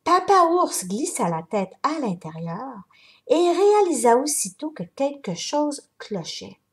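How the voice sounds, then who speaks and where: A woman reading a children's story aloud in an expressive, unhurried way. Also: high voice. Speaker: story reader.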